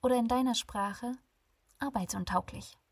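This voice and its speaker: A woman voicing a calm female ferryman between life and death, warm and friendly with a sarcastic bite, in a breathy voice. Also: mid-range voice, a little slow, no echo. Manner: warm, friendly, softly teasing.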